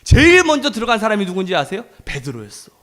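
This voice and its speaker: A middle-aged male pastor giving a sermon in a lively, conversational way, acting out quoted lines. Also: high-pitched, fast talker.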